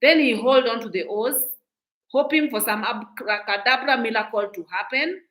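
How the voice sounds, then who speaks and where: A woman's voice: a little high, normal speed, fairly bright tone, low-quality recording. A Kenyan woman giving outspoken, indignant reaction commentary as a vlogger, often restarting her sentences.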